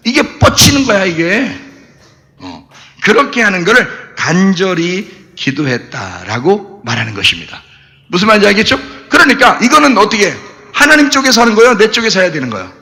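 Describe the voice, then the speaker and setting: A man preaching a sermon as pastor, animated, jumping between shouts and low asides and quizzing the congregation. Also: long reverb tail. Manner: explains Greek words, asks the congregation questions. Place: church.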